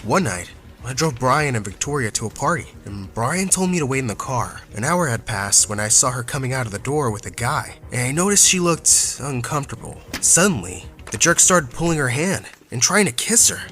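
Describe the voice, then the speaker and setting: A man's voice: medium pitch, animated, moderate pace, sharp tone. A young man narrating a first-person story in an earnest, dramatic way, from a script. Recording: faint background music.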